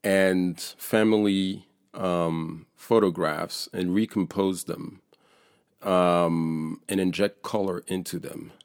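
A man's voice: deep voice, steady tone, slow pace, smooth, dry recording, clean studio sound. A man in his forties from France, a painter being interviewed, talking in a hesitant, thoughtful way with many fillers. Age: 40s. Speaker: guest painter. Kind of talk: casual interview.

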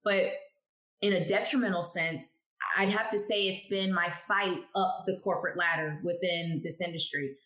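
A chemist in her thirties, a guest in a casual interview, tells stories in a voice on the low side at normal speed. She's an expressive storyteller who acts out the people she quotes, and the recording has a roomy echo.

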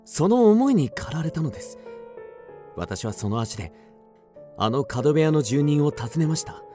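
A man's voice: fairly high pitch, big pitch swings, moderate pace, dark tone, soft background music. An actor playing an agitated, obsessed man recounting an eerie mystery in dramatic radio drama narration, with theatrical swings. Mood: determined, tense. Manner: suspenseful, theatrical, with sudden swings.

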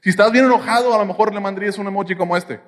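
A man's voice: high-pitched, very fast, in a large hall. A man with a Mexican accent preaching a sermon, with playful jokes and asides to the congregation. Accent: Mexican Spanish. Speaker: pastor.

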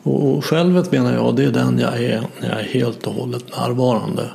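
A man in a reflective conversation, calmly explaining his ideas. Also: mid-range voice, creaky.

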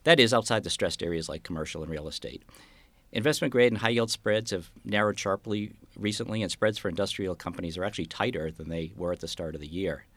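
Low-voiced man giving market commentary. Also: quick pace, a bit bright, no room sound. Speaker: investment strategist guest. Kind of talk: market outlook commentary in an interview.

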